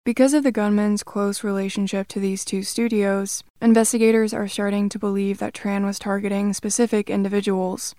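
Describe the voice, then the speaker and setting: Female narrator for true crime, even read, little pitch movement, dead-dry room. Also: a little fast, few pauses, dry recording. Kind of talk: scripted narration.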